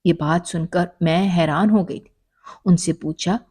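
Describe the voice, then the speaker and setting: Female storyteller, warm low voice, emotional first-person narration. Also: fairly even intonation, breathy edge.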